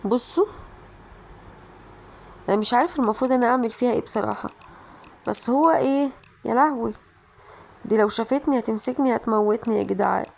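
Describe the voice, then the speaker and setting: Excitable Egyptian woman narrating gameplay. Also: fairly high pitch, fast talker, vocal fry, long pauses. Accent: Egyptian Arabic. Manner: excitable, chatty, talks straight to viewers with sudden shouted reactions. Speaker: gaming channel host. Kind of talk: mobile game playthrough commentary.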